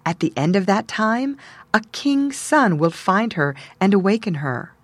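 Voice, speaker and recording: A woman voicing a kind, wise young fairy godmother who speaks calmly and reassuringly. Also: medium pitch, measured pace, dry recording. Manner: calm, reassuring and firm.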